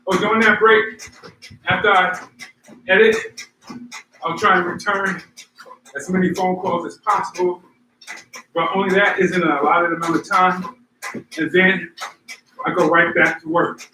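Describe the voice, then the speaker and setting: A man's voice: high-pitched, fairly even intonation, measured pace, pauses often, pushed and bright. A man chatting casually and motivationally to viewers while running and power walking during a workout. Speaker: host of a running workout vlog. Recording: roomy, distant mic, faint noise.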